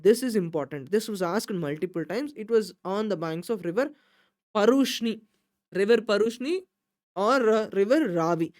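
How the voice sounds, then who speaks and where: A woman tutor giving an exam-prep lecture. She switches between Telugu and English, rushing through the Telugu and slowing down for the English, and keeps stressing which points are important. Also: mid-range voice, lively intonation, darkish tone.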